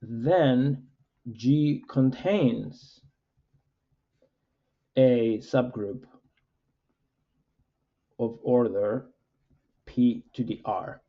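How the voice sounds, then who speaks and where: A man, a mathematics professor, lecturing with frequent "uh" fillers in a measured, explanatory way. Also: medium pitch, lo-fi sound.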